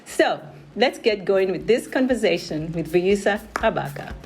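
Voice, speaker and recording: A woman's voice: mid-range voice, animated, moderate pace, husky, soft background music. A woman with a Kikuyu Kenyan accent hosting an interview podcast. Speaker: podcast host. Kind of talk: scripted introduction and warm interview chat.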